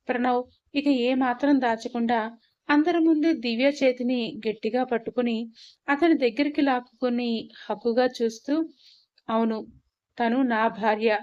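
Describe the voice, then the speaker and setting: A woman narrating a scripted romance story in a steady storytelling manner. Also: sits high. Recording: dull lo-fi recording.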